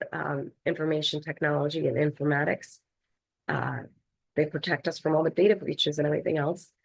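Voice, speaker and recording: Low, gravelly woman presenting on a call. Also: rough recording. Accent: Philadelphia. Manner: measured, with frequent fillers. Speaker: health department leader presenting to a board. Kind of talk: formal online meeting presentation.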